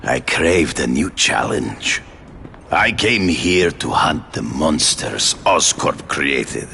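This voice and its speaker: An actor playing a proud hunter turned vigilante in a video game, with a grandiose, hammy stage-actor delivery. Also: male voice, rumbling low, animated, takes it slowly, creaky, bright, forceful tone, a little hiss or hum, heavily acted. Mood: proud, solemn.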